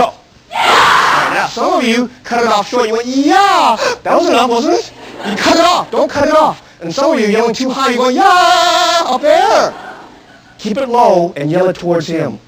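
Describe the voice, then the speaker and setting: A man teaching a self-defense class, coaching step by step and shouting drill commands. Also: very high-pitched, poor audio. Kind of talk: live class instruction. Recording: archive 1990s instructional video.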